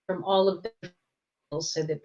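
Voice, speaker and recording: A woman on a video call, speaking in halting, broken-off phrases while her audio keeps cutting in and out. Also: lowish voice, fairly even intonation, mellow. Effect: choppy video-call audio cutting in and out. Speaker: participant in an online group meeting. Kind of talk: casual discussion. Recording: dull lo-fi call audio, faint music.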